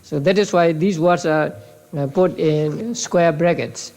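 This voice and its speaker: Older male monk, Burmese accent, somewhat high voice, patient halting lecturer who repeats words. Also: a little mellow. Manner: halting, repeats words, many restarts and uh's. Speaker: Buddhist monk teaching a class. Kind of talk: classroom lecture. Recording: old tape recording of a class.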